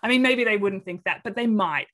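A woman with an Australian accent giving a webinar presentation over a webcam video call, animated and acting out quoted reactions in different voices. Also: mid-range voice, a little fast. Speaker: presenter of an inclusion talk.

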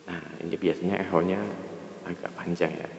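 A man's voice: sits low, flat delivery, fairly quick, gravelly, darkish tone, slightly rough, highs cut off. A man with an Indonesian accent giving a casual hands-on gear demonstration, informal and searching for his words. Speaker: product reviewer.

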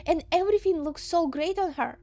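Excitable Russian woman reacting to a film. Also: very high-pitched, brisk, soft background music. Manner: excitable, gasping and exclaiming. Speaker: reaction video host. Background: film soundtrack.

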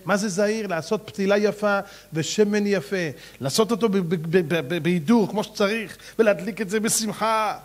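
High-voiced rabbi giving a lively sermon. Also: male voice, few pauses. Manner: animated storytelling, often addresses listeners as "gentlemen"; repeats syllables when searching for words.

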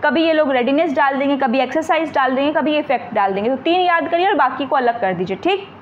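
A woman with a high voice explains exam answers one by one, often asking a question and answering it herself. She reads the English question text slowly and carefully. The recording sounds dull and muffled, with a faint hiss underneath. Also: lively intonation. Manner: explains step by step, asks and answers her own questions. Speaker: teacher. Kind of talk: exam question walkthrough lesson.

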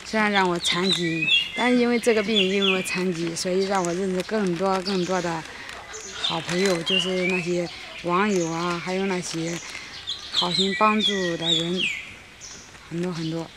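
A woman's voice: fairly low pitch, fairly even intonation, normal speed. Earnest young woman from Henan, noisy outdoors. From Henan, China. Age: late 20s. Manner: earnest, soft-spoken, repeats words for emphasis. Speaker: documentary subject. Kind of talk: reflective personal interview. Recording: noisy outdoor field recording.

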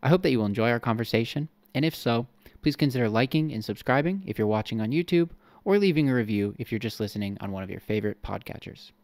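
A young man hosts a podcast from a home room, reading his intro and asking questions into a boom-arm studio mic with no room sound. His mid-range, darkish voice is expressive and fast, his manner polite, self-deprecating and slightly hesitant.

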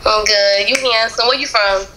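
A woman's voice: mid-range voice, fairly even intonation, normal speed, background noise. A woman with an American accent chatting casually in slang on a phone video call.

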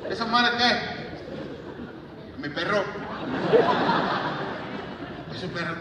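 A Mexican man with a high voice tells crude jokes on stage, dropping each punchline deadpan. He is picked up from far off in a big echoing hall, with a noisy crowd around him. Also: measured pace. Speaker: stand-up comedian. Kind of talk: stand-up joke telling on stage. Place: large auditorium. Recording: echoey hall audio from far off, loud crowd.

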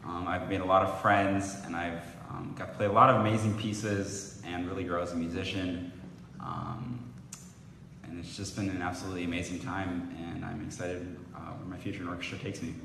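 A man's voice: low voice, a little fast, gravelly. A teenage male student giving a hesitant short acceptance speech, full of ums, in a large school theatre. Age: teens. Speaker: student award recipient. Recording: echoey hall with noise.

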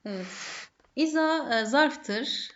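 A woman's voice: high voice, animated, takes it slowly, fairly bright tone, highs cut off, slight background noise. A woman with a Turkish accent teaching Arabic grammar step by step, asking herself questions and answering them. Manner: methodical, poses and answers her own questions. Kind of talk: grammar lesson.

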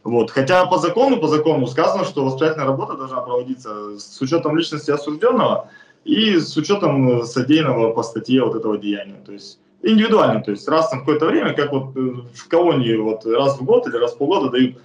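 This is first-person testimony to camera from a man in his thirties, filmed close up in a bare indoor room. His mid-range voice is sing-song and fast as he plainly, earnestly recounts his case with frequent hesitations, in a low-quality, echoey recording.

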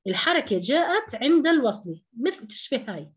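Woman, tajweed teacher, quick explanatory delivery, lo-fi call sound. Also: high voice, very animated, slightly rough. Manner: explanatory, repeats key terms, rhetorical questions. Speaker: Quran recitation teacher. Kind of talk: online tajweed lesson.

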